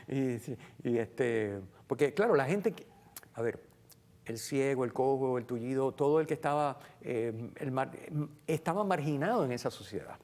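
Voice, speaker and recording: A man reflecting on the Sunday gospel in a relaxed conversational way, with many fillers and acted-out quotes. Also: medium pitch. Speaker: guest commentator on the Sunday gospel. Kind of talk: casual Bible reflection.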